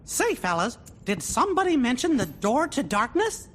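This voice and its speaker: An actor voicing a cheerful, earnest cartoon mouse king in a squeaky falsetto, from a video game. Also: very animated, normal speed, a little hiss or hum.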